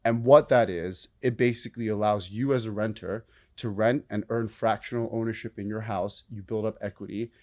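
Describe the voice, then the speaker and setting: Young man, low-pitched, relaxed founder. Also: moderate pace, hardly any pauses. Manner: relaxed, many fillers like "you know". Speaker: startup co-founder. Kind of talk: casual interview answers.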